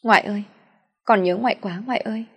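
A woman's voice: mid-range voice, fast, husky, pitched above the performer's own voice. A woman narrator voicing a grieving young woman who pleads tearfully with her dead grandmother. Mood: sobbing.

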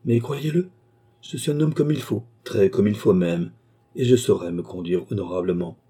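A man's voice: lowish voice, moderate pace, warm tone, husky. A man voicing an old, lecherous male office chief in a storybook, jovial and patronizing. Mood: boastful.

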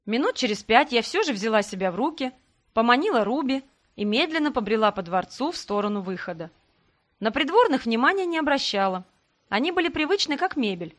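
A woman narrating a first-person fantasy novel in a calm, even storytelling manner. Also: a little high, brisk. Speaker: audiobook narrator.

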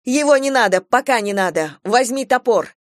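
A woman playing a grim captive woman who speaks slowly and gives commands. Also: mid-range voice, lively intonation, no echo, studio quality, lightly acted. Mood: urgent orders. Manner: slow, measured, commanding.

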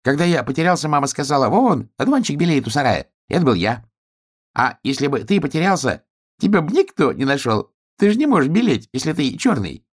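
A man voicing a small, eager, know-it-all dandelion boy in a shrill, insistent storybook voice. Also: big pitch swings, brisk, breathy edge.

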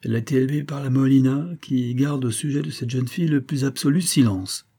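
A man voicing a reserved young captain who speaks in a guarded, measured way. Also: mid-range voice, dark tone, husky, voice pushed up. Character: reserved young male captain, calm and brooding.

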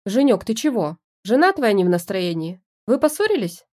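A woman voicing a man's cheerful colleague calling on the phone, brisk and chummy. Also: mid-range voice, very animated, darkish tone. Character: male friend phoning, cheerful, pushy colleague.

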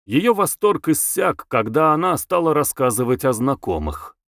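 Male narrator for a classic novel; measured, expressive, dry close sound. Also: on the high side, dry recording. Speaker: audiobook narrator. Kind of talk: scripted literary narration.

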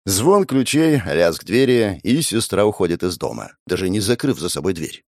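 A man's voice: low voice, big pitch swings, normal speed, no room sound. A man narrating an audiobook in the first person, with a wry, sardonic inner monologue on a close mic.

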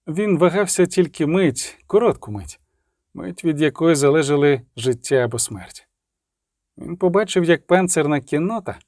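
A man reading an audiobook in a dramatic, measured narration. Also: fairly high pitch, darkish tone, no echo, clean studio sound.

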